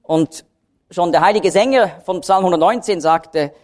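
A man's voice: high-pitched, a little slow, a little mellow. A man giving a Bible study lecture, explaining patiently and repeating key phrases for emphasis. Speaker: Bible teacher.

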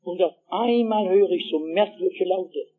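A man, a pastor, preaching an evangelistic sermon with personal anecdotes, telling them dramatically and swinging from hushed tones to shouts while he speaks straight to his listeners. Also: sits high, moderate pace, narrow, tinny audio. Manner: addresses the audience directly with asides.

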